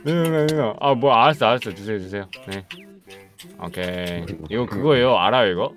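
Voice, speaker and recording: A man hosting a gaming stream, commenting loudly and excitedly and yelling at his friends as they play. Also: fairly low pitch, brisk. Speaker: streamer host.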